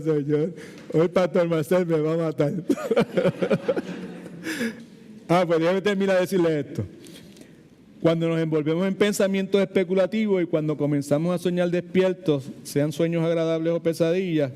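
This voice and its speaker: An older man preaches in Puerto Rican Spanish, sliding into tangents and stray English phrases as he teaches. His voice sits fairly high yet sounds warm and mellow. A long church-hall reverb trails after every phrase. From Puerto Rico. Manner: chatty, digressive, mixes English words into Spanish. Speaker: pastor teaching a Bible study. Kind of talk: informal sermon teaching.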